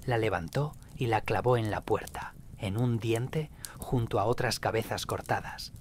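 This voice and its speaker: A man calmly narrating a bedtime story in a measured way. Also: lowish voice, slight background noise.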